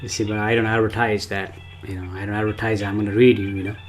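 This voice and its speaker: A man's voice: lowish voice, little pitch movement, fast talker, slight background noise. A man from Nepal, a spiritual teacher giving a rambling, casual livestream talk and often speaking of himself in the third person.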